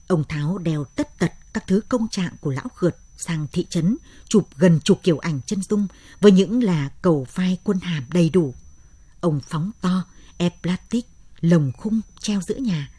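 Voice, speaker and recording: A woman narrating a late-night radio story in a measured, steady way. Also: fairly low pitch, slightly rough, dry recording.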